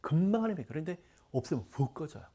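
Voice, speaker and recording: A middle-aged pastor delivers a conversational sermon full of asides, often sinking into breathy whispers. His voice is a little high and dark-toned, with big pitch swings and a quick pace.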